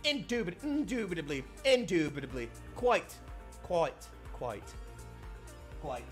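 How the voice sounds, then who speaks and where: A man's voice: fairly high pitch, big pitch swings, faint music behind. A man putting on a pompous posh gent. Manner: haughty, drawn-out pronouncements. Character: pompous posh British gentleman, adult male.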